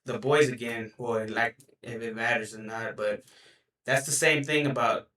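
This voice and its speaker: A man's voice: mid-range voice, fairly even intonation, normal speed, sharp tone, distant mic. A young man co-hosting a gaming podcast, chatting casually and rambling with lots of "you know.". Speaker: podcast co-host. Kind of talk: casual chat. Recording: roomy, a bit off-mic.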